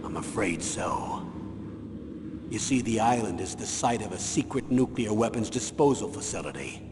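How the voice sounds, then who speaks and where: An actor playing a grave military colonel in a video game, delivering a commanding briefing. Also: male voice, fairly low pitch, animated, moderate pace, lightly acted. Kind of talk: scripted video game voice acting. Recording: echoey hall, noisy ambience.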